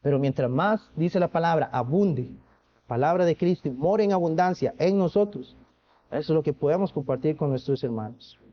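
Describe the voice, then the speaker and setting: A man's voice: a little high, lively intonation, moderate pace, muffled recording. Costa Rican man preaching a sermon. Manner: earnest preaching with frequent restarts and rhetorical questions. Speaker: pastor. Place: church.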